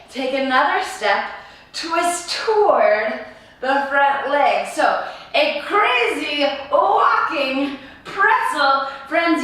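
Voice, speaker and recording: A fitness coach with a hoarse, raspy voice that's high and a bit bright leads a home workout in an apartment room, bubbly and giggly with playful asides. The room is echoey and she's distant from the mic.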